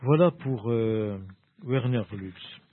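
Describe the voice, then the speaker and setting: A man presenting a small poetry book in a casual, slow way, with many fillers and restarts. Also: medium pitch. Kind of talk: casual spoken book review. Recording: dry, phone-like narrow sound.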